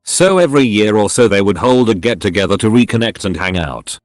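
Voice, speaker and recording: A man reading out short first-person stories as scripted narration, with an animated storytelling delivery. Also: lowish voice, fairly quick, dry recording.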